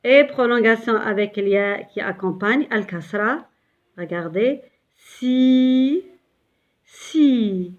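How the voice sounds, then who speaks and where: A woman's voice: mid-range voice, unhurried, muffled recording. A woman teaching beginners step by step, patiently repeating syllables with some hesitant fillers. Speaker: Arabic teacher. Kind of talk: slow step-by-step lesson for beginners.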